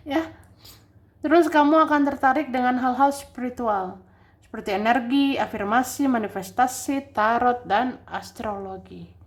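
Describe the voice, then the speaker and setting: A woman giving a casual tarot reading, chatty, restating each point several times and laughing often. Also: fairly high pitch. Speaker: tarot reader.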